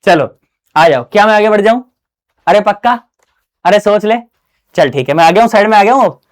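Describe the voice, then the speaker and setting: A man's voice: high voice, lively intonation, a little fast. A man teaching physics in a loose, joking way, recording in a small studio. He talks to students like old friends, throwing in slang and constant check-ins. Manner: chatty, slangy, keeps asking "है ना?". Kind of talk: casual online exam-prep lesson.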